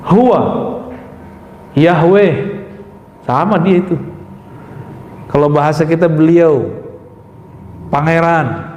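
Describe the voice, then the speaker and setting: Male preacher, high voice, emphatic and lively, in a hall with long reverb. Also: a little slow, pauses often, dull audio, slight background noise. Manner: lively, emphatic, addresses audience as "Pak". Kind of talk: sermon. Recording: echoey hall.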